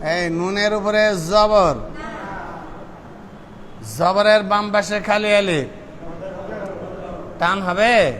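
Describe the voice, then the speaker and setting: Man, Bangladeshi Bengali accent, Quran teacher, high voice, very slow drawn-out syllables, noisy room. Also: fairly even intonation. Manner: slow, drawn-out syllables, then quick explanations; chants recited verses. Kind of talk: drilling Quranic pronunciation, call and response.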